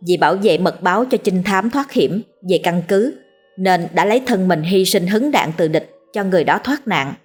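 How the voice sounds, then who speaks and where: A woman with a Southern Vietnamese accent narrating a ghost story in a steady storytelling manner. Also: fairly low pitch, moderate pace, breathy edge, soft background music.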